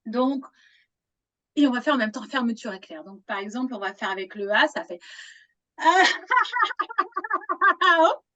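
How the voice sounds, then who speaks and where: A woman's voice: sits high, animated, slow, pauses often, pushed and bright, highs cut off. A woman leading a laughter yoga group, playful and coaxing, often breaking into laughter herself.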